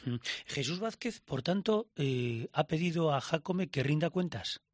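A man's voice: on the high side, animated, unhurried, no echo. A man presenting live radio news from a studio, delivering with emphasis and the odd filler. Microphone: studio microphone.

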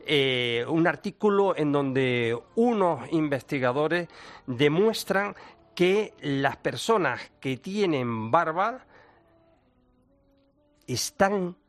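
A man's voice: on the high side, animated, extremely slow. A man, an enthusiastic medical expert explaining science on a talk show. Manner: enthusiastic explainer, laughs often.

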